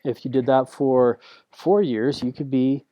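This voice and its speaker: A man teaching a recorded online course in a slow, low-key, unanimated way, often restarting his sentences. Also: fairly even intonation, warm tone, no echo, studio quality. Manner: frequent restarts and filler words.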